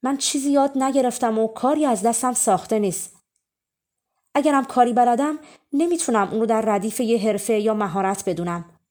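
A woman's voice: a little high, darkish tone, close to an everyday voice. A woman voicing a humble young man pleading with a king in a storybook reading.

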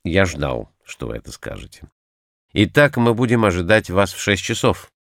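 A man puts on a cool, analytical detective who explains things in a detached, lecturing manner, his lowish voice moving lively up and down. It is an audiobook character reading, dry and close. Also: normal speed, gravelly, no room sound, heavily acted. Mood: coolly lecturing. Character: cool analytical male detective, middle-aged.

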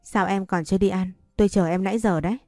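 A woman's voice: mid-range voice, steady tone, quick pace, dark tone, dry recording, soft background music, lightly acted. A woman reading the lines of a cool young male chairman who teases his wife dryly in an audiobook. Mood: teasing. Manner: dry, mocking.

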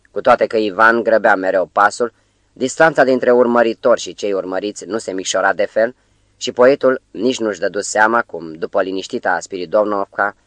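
A man narrating an audiobook in a measured, even storytelling manner, close to the mic. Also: on the low side, no room sound. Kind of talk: scripted narration.

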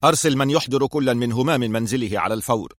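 A man voicing a sharp, commanding male intelligence chief in an audiobook. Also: mid-range voice, rapid-fire, no echo, clean studio sound, lightly acted.

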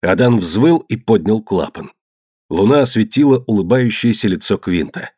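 Male audiobook narrator, measured and low, dry close recording. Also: animated, mellow, breathy edge, dry recording. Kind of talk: scripted narration.

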